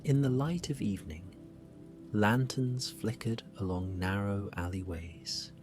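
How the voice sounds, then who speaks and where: A man with a fairly low voice narrates a sleep story for grown-ups. His delivery is very slow, gentle and hushed. Soft music and rain play quietly behind him.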